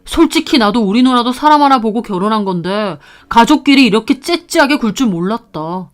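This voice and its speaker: A woman's voice: on the high side, expressive, a little fast, lightly acted. A woman voicing a blunt, belittling husband in a narrated story, talking down coldly. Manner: cold, belittling. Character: blunt, sneering husband, a man.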